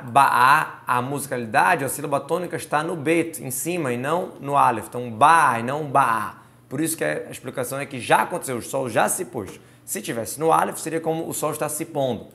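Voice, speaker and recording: Man, gravelly voice, Torah lesson, reads verses then explains Hebrew words. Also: medium pitch, a bit bright. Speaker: Torah teacher. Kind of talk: explanatory Bible commentary lesson.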